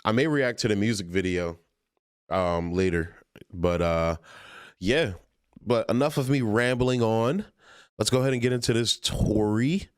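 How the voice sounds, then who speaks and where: A man's voice: lowish voice, a little slow, smooth, dry recording, studio quality. Laid-back slangy male music reviewer. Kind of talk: casual reaction commentary.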